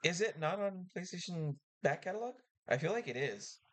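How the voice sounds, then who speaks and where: A tired man co-hosting a casual gaming podcast late at night, easygoing and quick with short agreeing replies. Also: high-pitched, lively intonation. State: tired, yawning. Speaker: podcast co-host. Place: new home recording spot.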